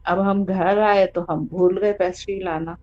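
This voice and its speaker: A woman's voice: mid-range voice, steady tone, highs cut off. A woman, a mother, recounting a personal experience in a casual, rambling way with frequent fillers. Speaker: mother telling a personal story. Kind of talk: casual spoken account of a true experience.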